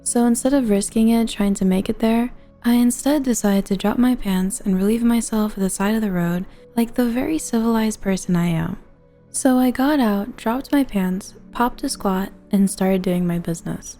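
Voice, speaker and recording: A woman's voice: medium pitch, normal speed, dark tone, soft background music. A woman reading first-person online confession stories as scripted narration.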